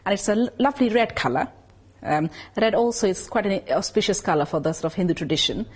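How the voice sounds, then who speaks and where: Animated and husky, a woman's mid-range voice recounts the history and customs of a classical dance in a documentary interview, with frequent pauses and fillers along the way.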